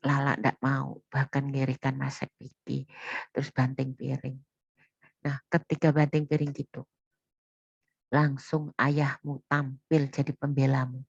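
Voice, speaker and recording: A woman's voice: extremely low pitch, completely flat delivery, unhurried, creaky, a little mellow, husky, no echo. A woman speaking as a mother who recounts a family quarrel to her child, scolding and lamenting with a lot of repetition. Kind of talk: emotional spoken recollection addressed to her child. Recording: dull, dry, lo-fi recording.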